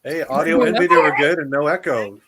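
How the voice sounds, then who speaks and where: A man's voice: on the high side, fairly quick, over a noisy crowd. A man hosting a live online show over a video call, chatting in an upbeat, easygoing way. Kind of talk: casual chat.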